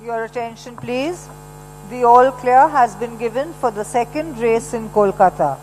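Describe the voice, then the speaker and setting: A woman reading a formal announcement over a racecourse loudspeaker, measured and repeating each item slowly. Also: on the high side. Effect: over a loudspeaker public address system. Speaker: racecourse public address announcer. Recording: loudspeaker echo in a big venue with faint mains hum.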